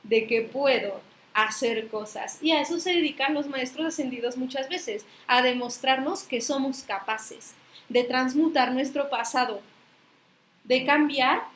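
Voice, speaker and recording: A woman's voice: high-pitched, fairly bright tone, slight background noise. Chatty Mexican woman in an echoey room. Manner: chatty storytelling, acts out dialogue, frequent tag questions. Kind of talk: casual spiritual teaching talk.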